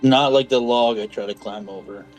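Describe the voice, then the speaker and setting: A man's voice: medium pitch, fairly even intonation, moderate pace, soft background music. A man playing a tabletop game, chatting casually and asking about his moves. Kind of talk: casual chat.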